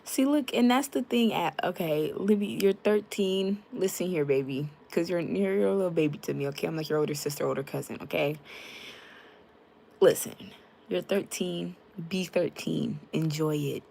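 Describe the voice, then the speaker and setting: A woman's voice: lowish voice, moderate pace, vocal fry, dark tone, slight background noise. A young woman chatting frankly with her live-stream viewers, greeting them by name and using lots of fillers, into a tablet mic. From United States. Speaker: livestreamer.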